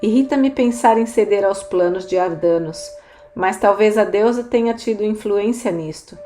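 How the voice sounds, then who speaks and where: A woman reading the lines of a frank, dry older priestess in an audiobook, speaking in a measured way. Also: medium pitch, mellow, close to an everyday voice. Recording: roomy echo, faint music.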